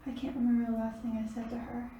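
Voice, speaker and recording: An actress playing a withdrawn, uneasy research subject, hesitant and subdued in a found-footage drama. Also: female voice, fairly high pitch, completely flat delivery, fast, warm tone, highs cut off, natural voice. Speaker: interviewed test subject. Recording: echoey room, distant mic, faint noise.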